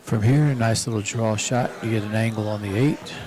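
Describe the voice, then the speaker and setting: A man commenting live on a pool match in a relaxed, explanatory way, recorded in a pool hall right next to the table. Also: lowish voice, a little fast, crowd noise. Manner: relaxed, explanatory, repeats phrases.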